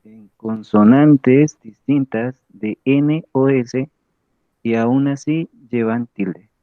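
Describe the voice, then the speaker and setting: A man's voice: mid-range voice, slow, dry recording. A male student on a video call, reading a slide aloud hesitantly, stopping and restarting words. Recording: tinny dry call audio.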